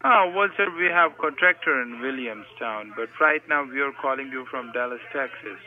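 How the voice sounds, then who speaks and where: Over tinny speakerphone audio, a telemarketer posing as a senior supervisor works through scripted sales questions, formulaic and polite, saying "sir" again and again. His voice is mid-range and animated, at a moderate pace.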